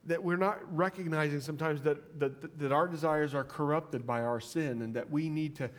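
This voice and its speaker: A male pastor preaching a sermon in a conversational way, often restarting his sentences and acting out the quoted voices. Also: moderate pace. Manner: acts out quoted voices with lively pitch swings.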